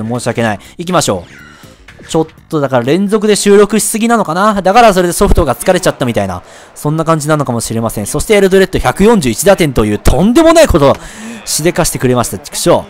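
A man narrates his baseball video game, and his voice climbs high and swings widely with every pitch. He yells when plays go his way or against him, then drops into low, quick asides. He keeps a polite tone with his viewers. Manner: excitable, shouts at big plays, mutters asides; polite to viewers, apologizes for loud outbursts. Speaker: let's play commentator. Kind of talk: excited gameplay commentary.

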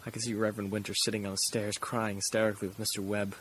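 Racing through his lines, a man plays an earnest teenage boy who rattles easily, recounting events in first person in a casual, slangy audio drama. His lowish, fairly bright voice keeps a level tone and sounds close to everyday speech, with faint background noise in the recording.

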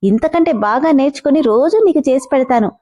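A woman's voice: high-pitched, animated, brisk, warm tone, a little hiss or hum. A woman voicing an innocent, devoted little girl, naive and eager.

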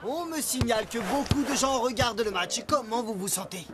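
A man playing an excitable cartoon sports commentator, exclaiming and repeating words in mock sports commentary. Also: extremely high pitch, brisk, noisy background. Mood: eager. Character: excitable male sports commentator calling a basketball game.

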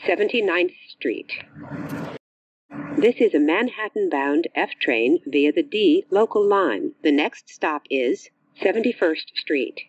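A man's recorded train announcements, spliced together from separate words, slow and clipped with pitch jumps where the words are joined. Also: animated, dry recording. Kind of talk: prerecorded transit announcements. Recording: muffled train speaker recording.

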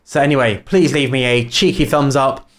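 A man's voice: mid-range voice, moderate pace, a bit bright. A man giving a casual game guide commentary, rambling along with plenty of fillers and restarts. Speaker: gaming video creator.

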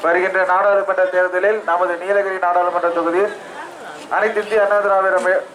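High-voiced man giving a campaign speech. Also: level tone, normal speed, a bit bright, rough recording. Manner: formal rally address. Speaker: election candidate.

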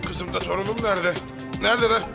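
A man's voice: sits high, fairly even intonation, quick pace, creaky, music in the background. An actor playing a hot-tempered, boastful grandfather in his fifties who has been hurt in a car crash. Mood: worried. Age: 50s. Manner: shouting, threatening. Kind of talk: TV drama acting.

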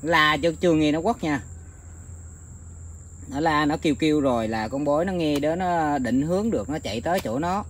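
A man talking casually to his viewers outdoors, rambling with many filler pauses. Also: fairly high pitch, lively intonation, slight background noise. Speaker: bird-trapping vlogger. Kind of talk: casual outdoor vlog narration. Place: outdoors in countryside.

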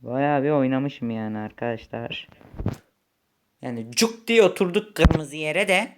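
A young man giving casual gameplay commentary, chatty, muttering when frustrated and shouting when excited. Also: mid-range voice, a little slow, background noise. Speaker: gaming YouTuber.

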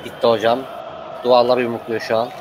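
A man adding relaxed, joking color commentary to an online football game, chatting with his partner between plays. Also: mid-range voice, fast talker, soft background music. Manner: relaxed joking asides, addresses partner as hocam. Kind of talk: casual esports color commentary.

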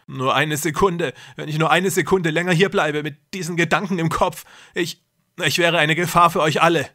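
A man voicing a cruel, deluded young man who believes he is a god, speaking loudly and feverishly. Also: fairly high pitch, steady tone, moderate pace, voice pushed up. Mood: pleading. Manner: loud, intense, feverish delivery.

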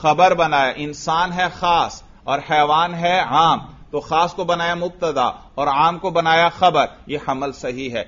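A man with a Pakistani Urdu accent lectures his class on grammar in a fairly high voice. He explains each point patiently, putting questions to the students and answering them himself. The recording is muffled and lo-fi. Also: takes it slowly, hardly any pauses, fairly bright tone. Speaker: teacher.

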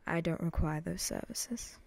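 Woman doing a brooding samurai, whispered role-play, breathy n dark, real slow, short flat lines. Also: lowish voice. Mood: guarded, bitter. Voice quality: breathy, often dropping to a whisper. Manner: slow, terse, deadpan. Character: brooding, vengeful samurai, guarded and curt.

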